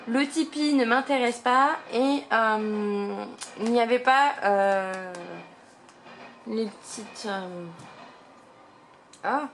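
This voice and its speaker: A woman's voice: medium pitch, a little hiss or hum. Chatty woman showing a craft haul. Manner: chatty, hesitant, frequent filler sounds. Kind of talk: casual haul chat to camera.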